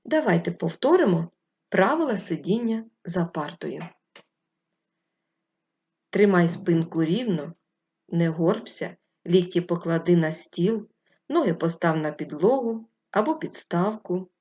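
A woman leads a lesson for young children, talking slowly and clearly and stretching out syllables. Her voice sits a little low, and the recording sounds dull and lo-fi. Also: animated, dark tone. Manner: patient, speaks to children, draws out syllables. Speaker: primary school teacher. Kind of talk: slow, clear remote lesson for first graders.

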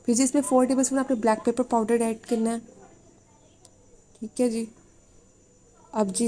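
A woman from Pakistan with a slightly high, warm voice hosts a cooking channel, giving a casual recipe voice-over from her home kitchen. She's chatty and instructive, mixing English words into her speech.

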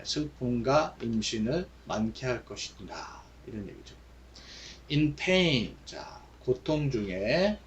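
A man teaching English Bible verses, reading each line slowly and then explaining it in Korean with many fillers. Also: mid-range voice, a little hiss or hum.

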